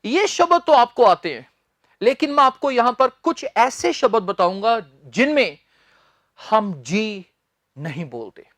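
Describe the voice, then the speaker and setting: A man teaching a spoken-English lesson, spelling words letter by letter and having students repeat them in an emphatic, drawn-out way. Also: very high voice, very animated, fairly bright tone, dry recording.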